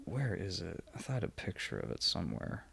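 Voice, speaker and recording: A man guesting on a casual podcast, who rambles and trails off between sudden excited bursts. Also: low voice, quick pace, gravelly, slightly rough. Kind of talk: casual chat.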